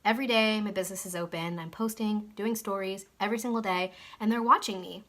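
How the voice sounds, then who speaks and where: A woman's voice: medium pitch, steady tone, fast talker, a bit bright. A young woman giving casual, reassuring advice to camera, chatty and full of fillers. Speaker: network marketing coach.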